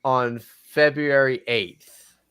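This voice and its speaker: A man's voice: mid-range voice, fairly even intonation, extremely slow, a loud crowd. A man co-hosting a soccer fan talk show, talking casually and earnestly, defending his team with many restarts. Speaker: podcast co-host.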